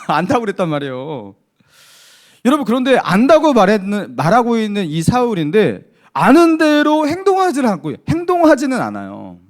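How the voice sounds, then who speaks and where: Male pastor, emphatic Sunday sermon voice, pitched high with lively rises and falls. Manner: emphatic preaching with rhetorical questions to the congregation.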